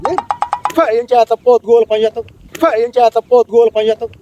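High-pitched man arguing fast outdoors. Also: muffled recording, loud music behind the voice. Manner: defiant, shouting back. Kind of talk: heated outdoor argument. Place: outdoors by farm fields.

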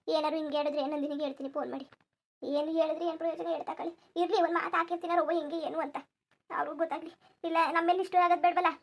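A woman voicing a put-upon young village daughter-in-law and mother in a cartoon, rambling on with her grievances. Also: sits high. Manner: complaining, rambling grievance monologue. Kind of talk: cartoon voice acting.

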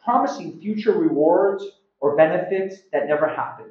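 Teaching slang to the camera indoors in a small room at home, this middle-aged Iranian English teacher and video host speaks at normal speed in a slightly high voice. He's animated and emphatic, acting out examples, and the recording sounds roomy and slightly dull.

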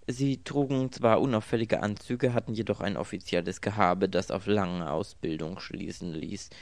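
A male audiobook narrator with a low, gravelly voice tells the story at a measured, steady pace. The recording is dry and close, with no room sound. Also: no room sound.

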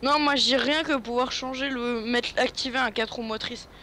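A man's voice: very high-pitched, steady tone, normal speed, background noise. A man chatting casually and joking while playing a farming game with a friend. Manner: joking, playful. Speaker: gaming co-commentator. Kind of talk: casual gaming chat.

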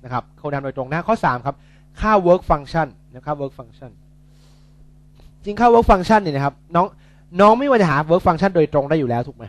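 A man's voice: on the high side, very animated, quick pace, no echo. A young man tutoring physics in a casual, chatty way, joking and correcting himself as he works through problems.

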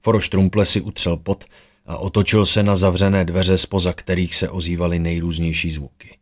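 A man narrating a fantasy audiobook in a steady storytelling manner. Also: low-pitched.

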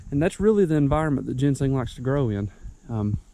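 A man's voice: medium pitch, animated, fast, warm tone, slight background noise. A young man, out of breath, giving folksy, rambling how-to tips outdoors on a wooded mountainside. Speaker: ginseng hunter vlogger. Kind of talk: casual outdoor how-to vlog.

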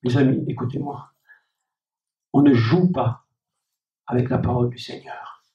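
A man's voice: mid-range voice, level tone, measured pace. A man preaching a sermon as pastor, repeating key phrases and speaking directly to the congregation. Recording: dull, echoey hall recording from a distant mic.

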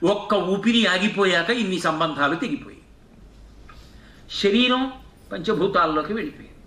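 Middle-aged male preacher, bright high voice, chants verse between questions, far-off echoey hall recording. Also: expressive, moderate pace. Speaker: spiritual discourse speaker. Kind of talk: devotional discourse.

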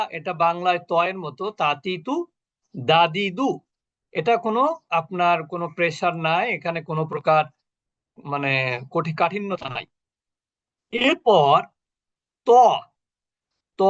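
A man teaching an online tajweed class, slowly repeating syllables and asking questions he then answers himself. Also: sits high, a bit bright, dry recording, dull audio. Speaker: Quran recitation teacher. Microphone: video call.

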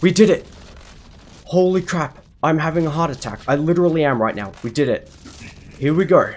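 A man's voice: on the high side, fairly quick. A man giving live commentary over his gameplay, frantic and anxious, repeating himself over and over as he talks. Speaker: gaming video creator.

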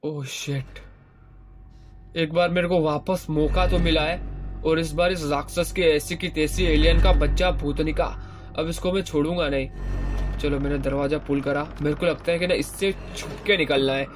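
Excitable young man playing a horror game. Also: moderate pace, background noise. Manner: excitable, yelps high when scared, swears playfully. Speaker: gaming YouTuber. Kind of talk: live horror game commentary. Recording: game music loud behind voice. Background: horror game music.

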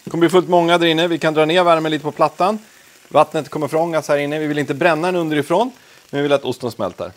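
A man with a slightly high voice talks through a recipe in his home kitchen. He is chatty and casual, with offhand, self-deprecating asides as he cooks. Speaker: home cooking video host. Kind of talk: casual cooking demonstration.

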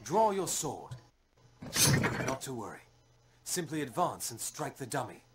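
A man's voice: mid-range voice, very animated, a little slow, very noisy. A man voicing a courteous young male pirate swordsman in a video game, speaking formally and cautiously. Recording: game audio over loud music.

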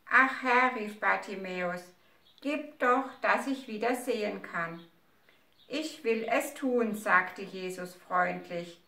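Slow, gentle woman reading in an echoey room. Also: medium pitch. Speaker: parishioner reading to children. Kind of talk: gentle Bible story reading. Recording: echoey room, distant mic.

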